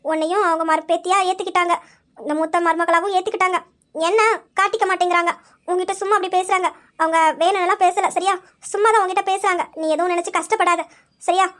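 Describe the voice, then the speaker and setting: A woman's voice: very high voice, fairly even intonation, fairly bright tone. A woman voicing a caring daughter-in-law in a large family, soothing and persuading the others. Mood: reassuring. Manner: brisk, reassuring, persuasive.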